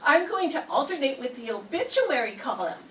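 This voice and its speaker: An older woman performs a naive, scatterbrained young woman in a 1940s radio sitcom, slow and literal-minded. Her high voice swings widely in pitch, and she's recorded from far off in a roomy classroom with slight background noise.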